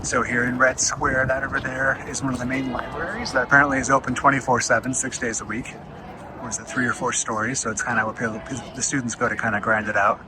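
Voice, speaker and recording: A man's voice: medium pitch, fairly even intonation, fast, over music, rough recording. A middle-aged man narrating a casual walking-tour vlog outdoors, enthusiastic and offhand about the details. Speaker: visitor filming a walking campus tour. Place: outdoors walking, some indoor stretches. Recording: outdoor urban noise, traffic ambience.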